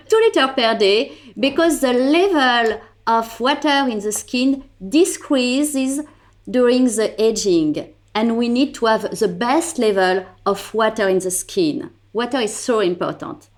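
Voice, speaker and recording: A woman with a French accent, a nutritionist speaking carefully in a panel discussion over a video call, with hesitant English and many fillers. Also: a little high.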